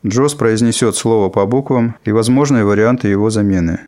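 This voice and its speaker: Low-voiced man narrating a lesson. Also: a little mellow. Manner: measured, formal reading. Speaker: instructor narrating a software lesson. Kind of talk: scripted instructional narration.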